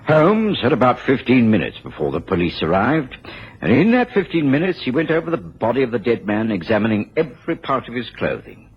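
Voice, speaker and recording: A man playing a loyal doctor companion in a radio drama, telling the detective's story in a measured, gentlemanly way. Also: mid-range voice, wildly swooping pitch, husky, heavily acted. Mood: measured storytelling. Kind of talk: radio drama narration and dialogue. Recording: muffled, faintly noisy radio drama recording.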